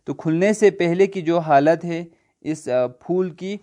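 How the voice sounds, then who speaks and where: Male online language tutor. Clear, resonant voice pitched a little high. Drills vocabulary with repeated quiz questions and slow spelling. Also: warm tone. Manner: repetitive quiz-style questions and answers; slow spelled-out letter names. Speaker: Persian language teacher.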